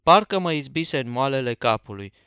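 A man reading a novel aloud in a folksy, even first-person narration. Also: mid-range voice, clean tone, no room sound. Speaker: audiobook narrator.

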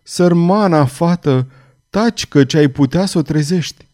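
A man voicing a gentle woman lost in madness, speaking softly with pity and tenderness. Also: on the high side, voice pushed up, close to an everyday voice. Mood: tender. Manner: soft, tender, pitying.

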